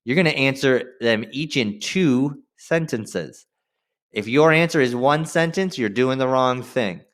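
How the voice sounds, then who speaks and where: A male teacher leads students through a screen-share lesson, his medium-pitched voice slightly slow and somewhat bright. He's informal but directive, leaning on key phrases and checking in with the class as he goes.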